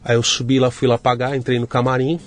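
A middle-aged man from Brazil, telling his story to an interviewer in a casual, lively way and acting out the voices of the people in it. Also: mid-range voice, fast talker, soft background music. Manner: lively anecdotal, acts out quoted dialogue. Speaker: guest entrepreneur.

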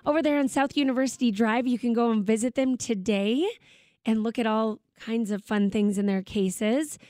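A woman's voice: on the high side, moderate pace, mellow, no echo, clean studio sound. A woman hosting a radio talk show, bubbly and chatty. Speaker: radio host.

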